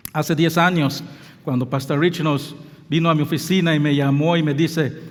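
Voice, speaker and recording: A man's voice: fairly high pitch, big-room sound. A man from Belize with a Belizean Spanish accent, whose first language is English, preaching a sermon as pastor in an earnest way that builds to emphatic peaks. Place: church.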